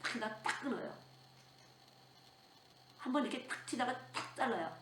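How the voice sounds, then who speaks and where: A woman's voice: fairly high pitch, moderate pace, gravelly, reverberant, background noise. An older woman preaching a sermon as a children's missionary, telling stories with strong emotion. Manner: emotional, animated storytelling with sudden outbursts.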